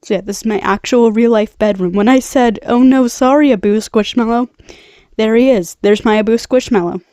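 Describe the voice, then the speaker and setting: Recorded dry with studio quality in a bedroom, this young adult woman recaps a film as a video host, chatting loosely with slang and plenty of tangents. Her voice sits on the high side, mellow and nasal-sounding as if congested, at a normal pace.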